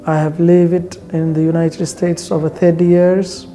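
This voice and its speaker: A man delivers a composed, formal statement in a very dark, mellow voice. His pitch stays flat and steady throughout. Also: measured pace, faint music behind. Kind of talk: interview testimonial.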